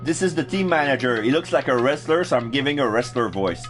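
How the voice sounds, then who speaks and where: A man's voice: medium pitch, expressive, fast, over loud music. A man giving casual, hesitant video game commentary, often groping for words as he explains characters. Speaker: game streamer.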